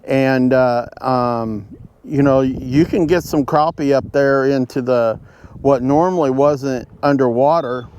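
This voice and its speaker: A man's voice: mid-range voice, slow, a little mellow. Male tutorial host, mid-range voice, folksy and hesitant, explaining casually outside, light traffic noise behind. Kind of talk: casual instructional talk to camera. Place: outdoors at home beside a pond. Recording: outdoor ambient road noise. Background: road noise.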